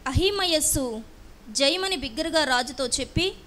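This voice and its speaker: A woman reads a scripture passage aloud during a church service. Her voice is very high and bright, and her reading is slow, formal and measured. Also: animated, slight background noise.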